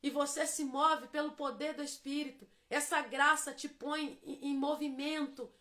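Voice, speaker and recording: A Brazilian woman preaching a devotional sermon. She builds to fervent, sing-song shouting in prayer. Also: high voice, fairly even intonation, moderate pace. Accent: Brazilian Portuguese.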